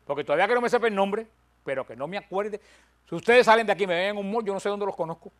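A man's voice: high voice, racing. An older man teaching a Bible study, counting out his points with emphasis and telling self-deprecating stories with humor.

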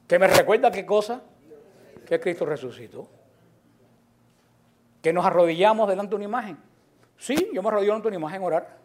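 Male preacher, high pitch; emphatic, sarcastic, rhetorical questions to the congregation. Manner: emphatic, mocking, asks the audience questions. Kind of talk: sermon.

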